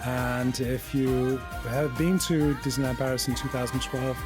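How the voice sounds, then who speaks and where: A man hosting a podcast in a casual chat, easygoing, laughing along and pausing on fillers. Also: medium pitch, level tone, music in the background. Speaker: podcast host.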